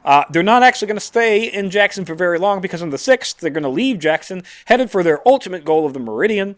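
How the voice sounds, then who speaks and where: Male history podcast host, fairly high-pitched, animated and informal, salty storyteller bantering with a co-host. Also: quick pace. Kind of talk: casual history recap with banter.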